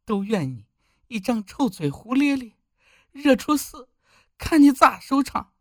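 A fretful older village woman, voiced by a male narrator, husky and close to crying. Her voice climbs high and drops again as she frets. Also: sing-song, normal speed, a little mellow, no room sound. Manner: fretful, near tears.

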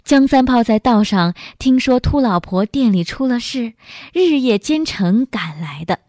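A woman narrating a dramatic story in an expressive, measured way. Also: fairly high pitch, no echo, studio quality.

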